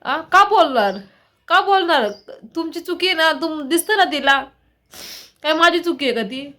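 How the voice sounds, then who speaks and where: A woman's voice: very high-pitched, lively intonation, moderate pace, sharp tone. A distressed woman talking in an emotional personal vlog, aggrieved and firing off repeated rhetorical questions. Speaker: vlogger.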